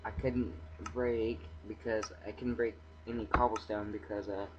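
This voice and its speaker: A young man in his teens giving excitable, rambling commentary over a video game, talking to himself. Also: moderate pace. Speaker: gameplay video maker. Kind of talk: casual gameplay commentary. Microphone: cheap computer mic. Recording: muffled low-quality computer mic, faint background hum.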